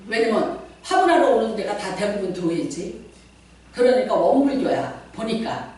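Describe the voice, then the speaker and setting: A middle-aged woman pastor preaching a lively sermon, often asking the congregation questions. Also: medium pitch, normal speed. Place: church sanctuary. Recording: very echoey church hall, mic at a distance.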